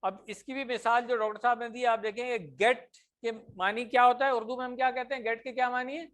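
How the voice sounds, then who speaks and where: A man teaching a class that is also followed online. He explains patiently, checks often that students follow, and slows down on example phrases. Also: very high voice, steady tone, a bit bright.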